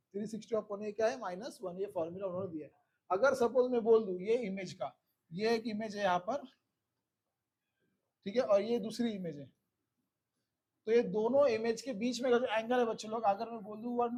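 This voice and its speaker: A man's voice: sits high, a little mellow. A man teaching a physics class who keeps repeating questions to his students and coaxing them along.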